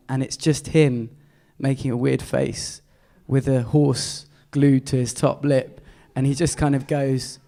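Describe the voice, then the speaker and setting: A man's voice: medium pitch, gravelly, warm tone. A man, an artist giving a casual and enthusiastic slide talk full of fillers. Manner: chatty, enthusiastic, many fillers.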